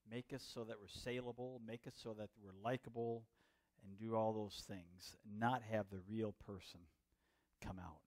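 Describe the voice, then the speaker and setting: A man's voice: mid-range voice, no room sound. A man with an Upper Midwest American accent preaching a sermon in a casual, rambling, conversational way. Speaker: pastor.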